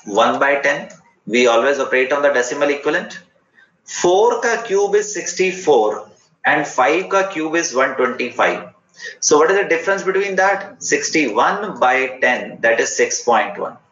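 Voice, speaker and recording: A man's voice: fairly high pitch, sing-song, moderate pace, fairly bright tone. Indian man teaching, in roomy lo-fi audio. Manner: repeats short phrases and instructions, questioning students directly. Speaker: teacher of an online chemistry class. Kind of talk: interactive online lesson, mixing English and Hindi. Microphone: online class call. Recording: roomy, dull lo-fi online class audio with faint noise.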